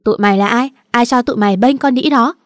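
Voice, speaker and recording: Woman putting on a shrill, wailing spiteful young woman. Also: animated, quick pace, darkish tone, dry recording, clean studio sound, natural voice. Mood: screeching. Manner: wailing, screeching, hysterical.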